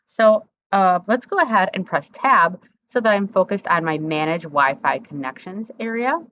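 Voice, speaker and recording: Low-pitched woman giving a step-by-step tutorial. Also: animated, normal speed, a bit bright, dull audio, a little hiss or hum. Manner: explanatory, conversational. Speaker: software instructor.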